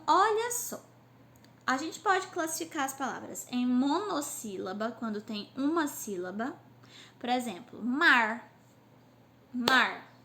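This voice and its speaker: A woman teacher gives a recorded class lesson to children, sounding out words slowly syllable by syllable, recorded on a phone on a stand. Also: on the high side, creaky, pushed and bright, slight background noise. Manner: slow syllable-by-syllable drilling.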